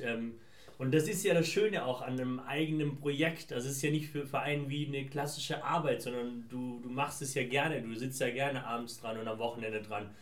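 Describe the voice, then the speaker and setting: A man from Afghanistan, a founder answering interview questions in long, winding, reflective sentences. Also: medium pitch. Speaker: guest, founder. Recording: roomy echo.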